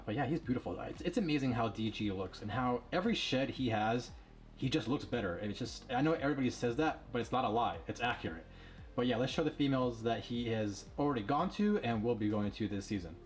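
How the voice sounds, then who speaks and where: Casual, fast-rambling man with faint music. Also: mid-range voice. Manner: quick, rambling, casual with fillers. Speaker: ball python breeder. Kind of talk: casual vlog showing animals.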